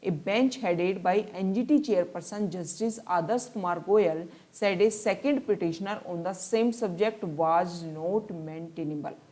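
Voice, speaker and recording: A woman tutor giving a newspaper analysis lesson for exam students, reading English passages slowly and then explaining and rephrasing them in Hindi. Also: lowish voice, mellow. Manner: explanatory, repeats and rephrases points.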